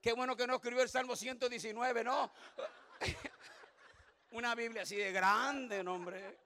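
A man's voice: very high voice, steady tone, measured pace. A man preaching a comic sermon as pastor, telling jokes, acting out stammering voices and calling out to the congregation. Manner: joking, acts out stammering voices; loud preaching with audience asides.

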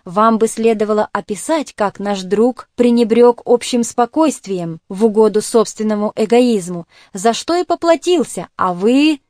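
A woman reading an audiobook voices a wheezing, gouty old male clerk who pleads hoarsely and fervently. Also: a little high, moderate pace, hardly any pauses, darkish tone, no echo, studio quality, close to an everyday voice. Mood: pleading.

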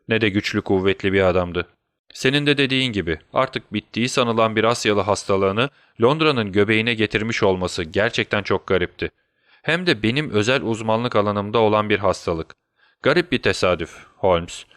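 A man's voice: lowish voice, fairly bright tone, no room sound, clean studio sound. A man voicing a scheming, mocking villain doctor in a storybook reading, gloating and taunting.

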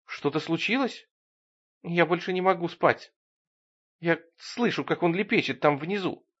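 A man's voice: a little high, normal speed, a bit bright, breathy edge, dull audio, pitched above the performer's own voice. A man voicing a scheming man who coaxes his fiancée in a falsely tender way. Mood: falsely worried.

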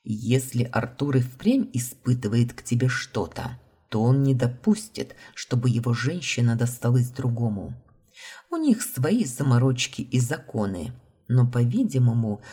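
A woman reading the lines of a young man, the heroine's blond brother, in a calm, guilty, soft-spoken way. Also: a bass voice, husky, exaggerated voice.

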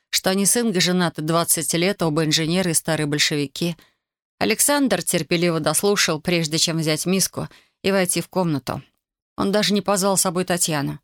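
An audiobook narrator reading a novel in a steady, dramatic manner. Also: medium pitch, no room sound, studio quality.

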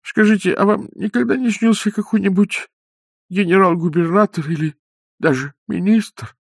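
A man voicing a frightened, fussy toothless old man who mumbles with a lisp and pleads in a drawn-out wail. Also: high voice, creaky, slightly rough, no room sound, studio quality, pitched above the performer's own voice, full character voice. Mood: eager.

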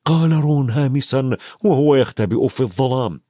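A man narrating an audiobook dramatically, dropping to a hush for suspense. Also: mid-range voice, lively intonation, fairly quick, no room sound, studio quality. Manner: dramatic, swings from loud to hushed.

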